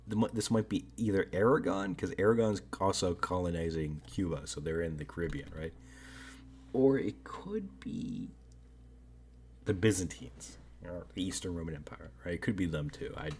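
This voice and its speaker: A man's voice: deep voice, a little mellow, breathy edge. A man giving casual, rambling video commentary on a strategy game, hedging often and tagging thoughts with "right?".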